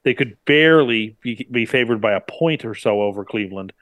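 A man's voice: medium pitch, animated, fairly quick, fairly bright tone, no room sound. A man co-hosting a casual sports betting chat, blunt and opinionated. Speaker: co-host.

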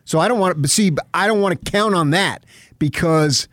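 A man's voice: sits high, moderate pace, fairly bright tone, no room sound. An American man co-hosting sports talk radio, giving blunt, insistent opinions in a debate.

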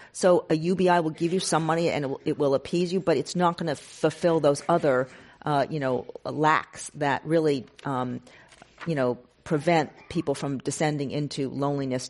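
A woman co-author answering interview questions in a conversational way, with many "you know" fillers. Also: low-pitched.

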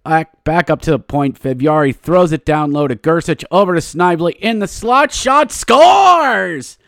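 A man hosting a sports podcast calls rapid hockey play-by-play, excited and in punchy clipped phrases that build toward goal calls. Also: fairly high pitch, creaky, no echo, studio quality.

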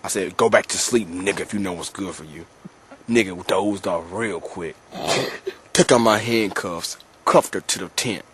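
Deep-ish male voice, hushed and matter-of-fact, recorded outdoors with faint background noise. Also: moderate pace. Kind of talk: confessional monologue. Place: outdoors in the woods.

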